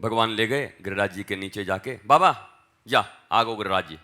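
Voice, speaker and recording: Bright-voiced man telling a devotional tale. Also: fairly low pitch, normal speed, soft background music. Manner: acts out dialogue in dialect, swings from hushed chant to loud calls. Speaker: spiritual teacher. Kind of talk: devotional storytelling sermon.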